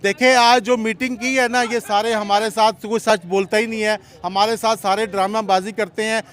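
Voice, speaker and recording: A man's voice: high voice, little pitch movement, moderate pace, fairly bright tone. A man with a Pakistani Urdu accent, giving an impassioned opinion full of rhetorical questions. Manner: impassioned, rhetorical questions, repeats "theek hai?". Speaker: interviewee. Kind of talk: heated street opinion.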